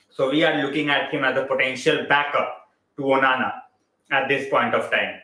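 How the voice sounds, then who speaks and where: A man's voice: medium pitch, bright, forceful tone, echoey room, poor audio. A man with an Indian English accent hosting a casual football live stream, chatting loosely, slipping into Hindi and greeting viewers by name.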